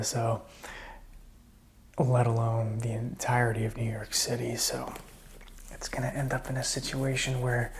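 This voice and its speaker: A man plays a calm, helpful survivor in a zombie apocalypse ASMR roleplay, whispering and speaking softly in a hesitant, intimate, musing manner. His voice is medium-pitched and close to an everyday voice, with slight background noise.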